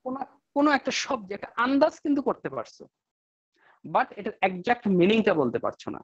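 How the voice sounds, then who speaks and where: A male English teacher giving an online class lecture, coaxing students with rhetorical questions and slowing down to spell out example sentences. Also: sits high, very animated, husky, no room sound. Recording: dull lo-fi online class audio.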